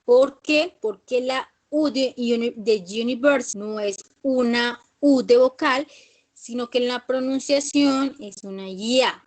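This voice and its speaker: A woman's fairly high voice carries an English grammar lesson. She goes over each rule patiently, repeating herself and checking that the class follows. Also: measured pace. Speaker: English teacher. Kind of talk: online class explanation.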